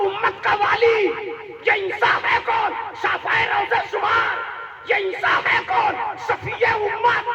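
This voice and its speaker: A man's voice: very high-pitched, heavy background noise. A man preaching a sermon at a religious gathering, impassioned, with repeated refrains that build up. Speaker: Islamic preacher. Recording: roomy, distant, dull crowd sound at a religious gathering.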